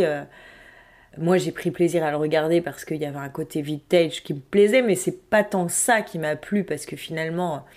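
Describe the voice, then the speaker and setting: A French woman in her thirties, an aspiring novelist and podcast host, thinks out loud in an unplanned audio diary full of hesitations. Her voice is lowish with a darker tone.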